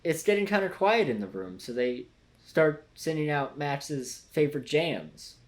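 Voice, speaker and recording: A man's voice: a little high, expressive, unhurried. A young man co-hosting a casual podcast, recapping episodes in a laid-back way with dry quips. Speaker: podcast co-host. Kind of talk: casual chat.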